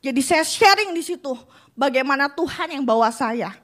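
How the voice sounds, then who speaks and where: High-voiced woman giving an earnest testimony. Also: lively intonation, normal speed, fairly bright tone. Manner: emotional, earnest storytelling. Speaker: pastor. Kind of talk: testimony sermon. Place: church.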